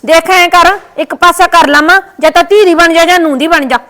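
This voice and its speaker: Very high-voiced woman, sulky and quick. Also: steady tone, fairly bright tone. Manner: sulky, complaining, threatening to leave. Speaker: married daughter in a sketch. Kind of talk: scripted village family sketch.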